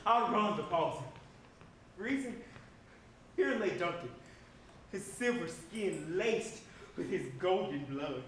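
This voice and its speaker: A grave, guilty Shakespearean lord, acted by a man, declaims his grief in a hammy stage style. The voice is high, distant from the microphone and washed in heavy echo. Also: fairly bright tone, exaggerated voice. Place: indoor stage performance. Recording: very echoey hall, distant microphone, faint noise.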